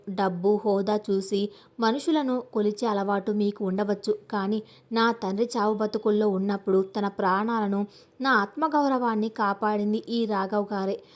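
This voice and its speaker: A woman's voice: mid-range voice, close to an everyday voice. A woman narrator voicing a young wife who speaks firmly and outspokenly. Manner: firm, outspoken.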